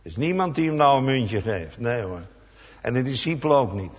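A man preaching a sermon in a church, slow and emphatic, acting out the cries of the people in his story. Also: medium pitch, lively intonation, husky. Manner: slow, emphatic preaching with dramatic voiced quotes. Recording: dull sound with long church reverb.

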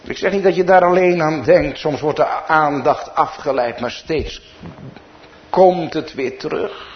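A man's voice: on the high side, a little slow, muffled recording, a little hiss or hum. A man with a Dutch accent preaching a sermon as pastor, building to emphatic peaks.

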